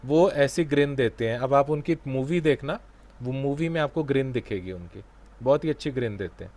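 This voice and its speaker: A man's voice: medium pitch, fairly quick, darkish tone. A man teaching an online exam-prep class with an Indian English accent, mixing Hindi and English and quizzing his students. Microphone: video call.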